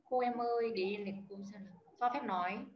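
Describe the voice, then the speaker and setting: A woman's voice: a little high, fairly quick. A woman teaching a beginner language class online over a video call, explaining step by step and calling on students by name. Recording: echoey, dull lo-fi audio with faint noise.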